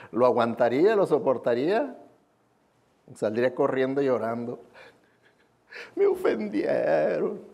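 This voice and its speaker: A man's voice: medium pitch, very animated, measured pace, pauses often, a little mellow. Male pastor, emphatic sermon delivery, mid-range voice, rhetorical questions. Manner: often adds a questioning "¿mm?".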